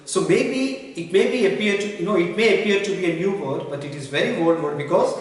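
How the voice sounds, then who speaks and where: Repetitive teacher man in an echoey hall. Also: high-pitched. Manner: repetitive, drills words slowly. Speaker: English teacher. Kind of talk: classroom vocabulary lesson. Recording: very echoey hall, mic far off.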